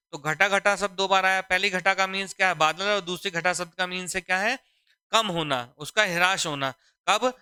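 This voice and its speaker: A man with a very bright, crisp, high-set voice teaches an exam-prep grammar lesson. He talks in a deliberate, drawn-out way and keeps asking the class questions and answering them himself. The sound is close and dry. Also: no room sound. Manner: repeats questions to students, calling them "beta" and "bachchon". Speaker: Hindi teacher.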